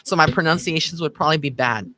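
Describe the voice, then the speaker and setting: A male psychic medium gives card readings in a chatty, casual livestream, calling his listeners informal endearments as he talks with viewers. His voice is fairly high-pitched, fast, and sharp in tone.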